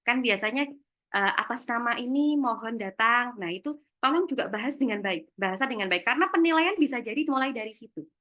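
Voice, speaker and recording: Bright-voiced woman giving a career talk. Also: on the high side, fast. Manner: lively, acts out short example lines. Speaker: career workshop speaker. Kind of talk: online seminar talk. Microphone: video call.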